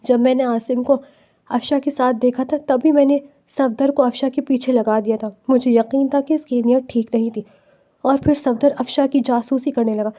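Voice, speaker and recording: A woman's voice: high voice, fairly even intonation, lightly acted. A woman reading as a stern commanding older man. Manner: commanding, shouts when angry. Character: older man, stern protective elder brother.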